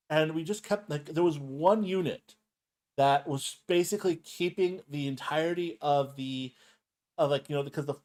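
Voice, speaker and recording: A man's voice: medium pitch, darkish tone. A man co-hosting a podcast, reading out board game rules and telling a long rambling story with many fillers and restarts. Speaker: podcast co-host.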